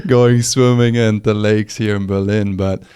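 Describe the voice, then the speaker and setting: Male podcast host, low clean voice, easygoing interviewer. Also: steady tone, measured pace, warm tone, clean tone. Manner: friendly, laid-back questioning. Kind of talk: casual interview.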